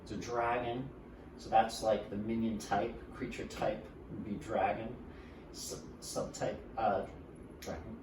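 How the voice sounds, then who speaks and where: A man co-hosting a casual podcast, explaining card games in an unhurried, drawn-out way. He sits back from the mic in a roomy, echoing space. A steady hiss of noise runs under his voice. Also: fairly low pitch, far from the mic. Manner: explains game cards at length, laughs often. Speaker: podcast co-host. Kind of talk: casual chat.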